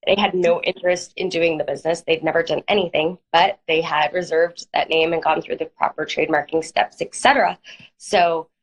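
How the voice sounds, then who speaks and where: Woman lawyer, guest on a live stream, has a cold, clears her throat, explains step by step with fillers. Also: sits low, steady tone, a little fast, poor audio. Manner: plain explanatory, uses hedging fillers. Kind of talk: live interview, explaining legal steps. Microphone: online video stream.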